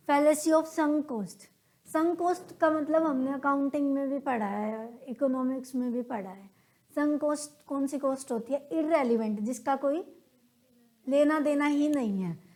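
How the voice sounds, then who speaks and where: A woman with an Indian accent teaches a classroom lesson on logical reasoning, patiently posing questions and then answering them herself. She acts out everyday examples as quoted dialogue in a high-pitched voice with a darkish tone.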